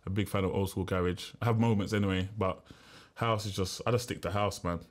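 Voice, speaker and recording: A man hosting a podcast who chats casually in a quick, slangy way. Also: deep voice, steady tone. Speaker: podcast host.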